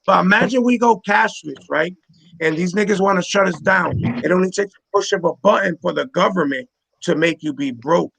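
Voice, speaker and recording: A man's voice: high voice, moderate pace, gravelly, fairly bright tone, husky, no room sound. A man in his forties hosting a casual panel chat on a video call, emphatic and full of street slang, repeating his points. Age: 40s.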